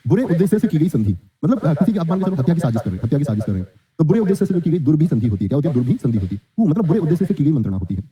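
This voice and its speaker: Fast-talking male teacher. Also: on the high side, very animated, mellow. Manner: quizzing, answers his own questions, reads student comments. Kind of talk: online exam-prep class. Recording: dull lo-fi sound.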